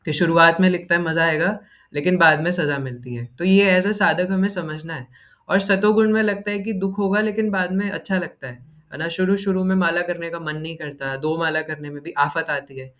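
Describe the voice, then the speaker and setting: A man's voice: fairly high pitch, fairly even intonation, normal speed, fairly bright tone. A man teaching a devotional scripture class in a conversational way, mixing in English words, reciting verses and often checking in with listeners. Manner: keeps asking "है ना?" as a tag question.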